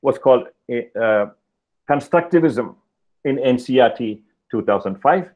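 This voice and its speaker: A man's voice: mid-range voice, lively intonation. Older man lecturing over a video call. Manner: measured, deliberate, pauses with fillers. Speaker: keynote speaker. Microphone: headset, video call. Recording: slightly dull video-call audio.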